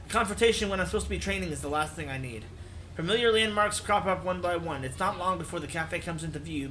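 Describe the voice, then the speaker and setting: Hosting a let's play, this man reads visual novel text and chats casually over background music. His voice sits on the high side with a sharp tone, and the rough recording has slight background noise.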